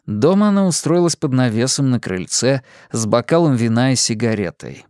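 A man narrating an audiobook with expressive storytelling. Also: medium pitch, normal speed, no room sound, studio quality.

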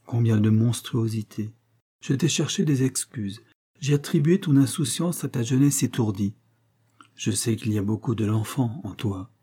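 Man reading as a solemn loving young wife, tender and moralizing, dark mellow tone, husky edge. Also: mid-range voice, moderate pace, natural voice. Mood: tender earnest. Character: earnest young wife writing a pleading letter.

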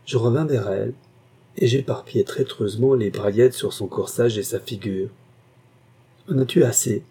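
Mellow, husky male narrator. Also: fairly low pitch, moderate pace. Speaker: audiobook narrator. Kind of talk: literary narration.

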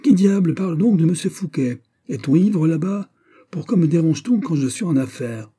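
A man's voice: fairly low pitch, moderate pace, warm tone, husky. A man voicing a flustered, fawning prison governor who stammers and tries hard to please, in a French audiobook reading. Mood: panicked.

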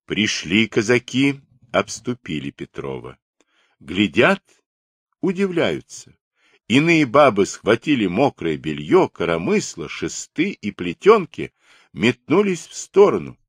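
A man narrating a historical novel in an expressive, dramatic reading. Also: on the low side, unhurried, husky, dry recording, clean studio sound. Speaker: audiobook narrator.

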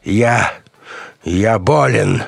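A man voicing a crazed bearded doctor who rants in slow, preachy tones and then whimpers for mercy. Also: mid-range voice, a bit bright, breathy edge, no echo, voice pushed up. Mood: pleading. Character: crazed bearded male doctor, fanatical and frightened.

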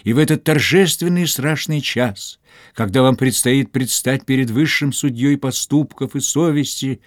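A man's voice: mid-range voice, moderate pace, no room sound, studio quality, pitched above the performer's own voice, close to an everyday voice. A man voicing a fervent Protestant pastor who preaches at a dying man. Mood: solemn. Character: zealous male Protestant pastor, indignant.

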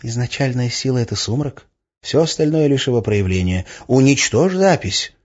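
A man's voice: medium pitch, expressive, highs cut off, pitched above the performer's own voice, close to an everyday voice. A man voicing a grave, firm male sorcerer in an audiobook reading. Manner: firm, measured. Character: grave male sorcerer, genial but stern.

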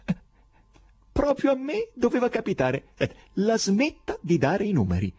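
A man's voice: high-pitched, huge pitch swings, a little slow, darkish tone, husky, voice pushed up, heavily acted. A man voicing a confused young poet who talks in a blunt, exasperated way.

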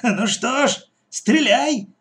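A man's voice: very high-pitched, slow pace, vocal fry, a bit bright, voice pushed up, full character voice. A man voicing a greedy, fierce old woman who leads a band of pirates, in a bossy, mocking way.

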